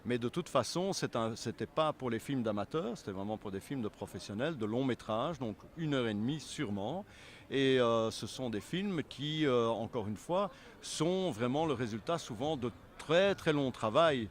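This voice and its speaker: A man with a medium pitch and lively intonation, speaking at normal speed, answers interview questions as a film selection association member. He explains things conversationally, reworking his phrasing along the way, while faint city noise sits in the background.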